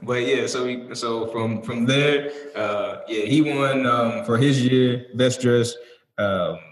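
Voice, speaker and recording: A man's voice: medium pitch, slow. An American man with a polished broadcast-style voice, chatting casually on a podcast and telling stories in a talkative, wandering way. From St. Louis, United States. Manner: talkative, storytelling with tangents. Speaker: podcast guest. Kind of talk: casual conversational podcast chat. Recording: roomy, echoing sound.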